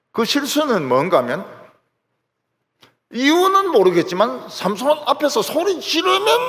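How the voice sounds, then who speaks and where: Male pastor, high lively voice, gravelly edge, long church reverb. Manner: animated storytelling, acting out quotes. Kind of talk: sermon. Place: large church sanctuary.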